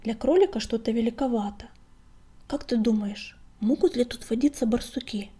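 A woman's voice: fairly high pitch, moderate pace, warm tone, breathy edge. A woman voicing a young male warrior cat, anxious and blunt, in whispered role-play. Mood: curious.

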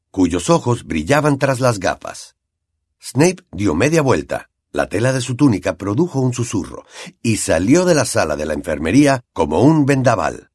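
Male audiobook reader, lower voice, lively, slightly husky, dry. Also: no room sound. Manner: expressive storytelling. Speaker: audiobook narrator. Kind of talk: scripted narration.

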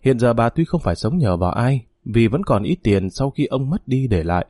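A man reading a story in a steady narration. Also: mid-range voice, brisk, no echo, clean studio sound.

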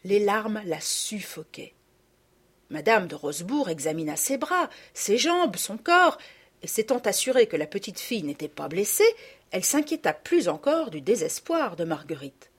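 A woman narrating a storybook with expressive, animated reading. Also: mid-range voice, normal speed, breathy edge.

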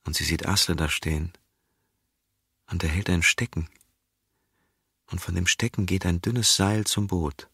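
A man reading a literary novel aloud as narrator, in a calm, measured cadence that drops toward a near-whisper for a character's thoughts. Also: deep voice, breathy edge, no room sound, studio quality.

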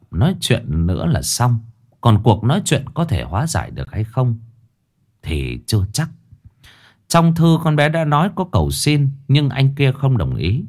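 A man's voice: fairly low pitch, darkish tone. A man narrating a ghost story with dramatic, scripted delivery.

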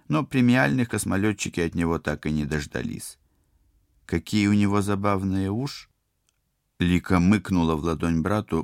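A man narrating an audiobook in an expressive, wry style. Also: low-pitched, gravelly, no echo, clean studio sound. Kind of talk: scripted narration.

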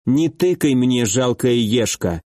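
A proud female ice spirit growls her scorn in a low, muffled voice, as a male narrator puts her on. She drags out her words with contempt, in a dry, close audiobook sound. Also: animated, slow pace, a little mellow, dry recording. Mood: scornful.

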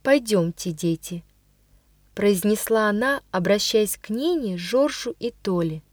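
A woman narrating a story aloud in an expressive, dramatic way. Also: medium pitch, moderate pace, no echo, clean studio sound. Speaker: audiobook reader.

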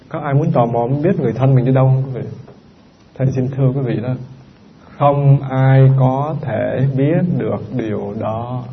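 Gravelly-voiced monk preaching. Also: male voice, medium pitch, a little hiss or hum. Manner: conversational, often quizzes the listeners, repeats points. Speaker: Buddhist monk teacher. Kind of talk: Dharma talk to a live audience. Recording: dull lo-fi recording with faint background ambience.

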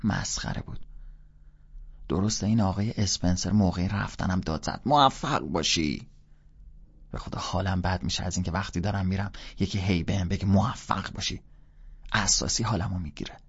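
Low, gravelly man reading an audiobook. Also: lo-fi sound. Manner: casual, colloquial storytelling. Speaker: audiobook narrator. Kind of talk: first-person audiobook reading.

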